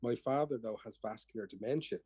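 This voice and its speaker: A man's voice: medium pitch, fast, dark tone, slightly rough, no echo, clean studio sound. A middle-aged Irish man, a storyteller, chatting casually in a reflective, anecdotal way. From Ireland. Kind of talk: casual conversational storytelling and explaining.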